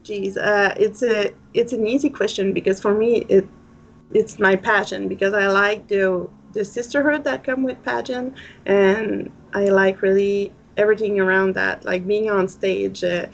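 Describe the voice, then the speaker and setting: A French-speaking woman in her thirties from northern New Brunswick with an Acadian accent, chatting as an interview guest in halting English. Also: medium pitch, fairly even intonation, gravelly, slight background noise. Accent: Acadian French Canadian. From northern New Brunswick, Canada. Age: 30s. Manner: halting non-native English phrasing. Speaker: pageant guest. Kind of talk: casual interview chat. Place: indoor room at home, video call. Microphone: webcam video call. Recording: muffled lo-fi video call, music behind.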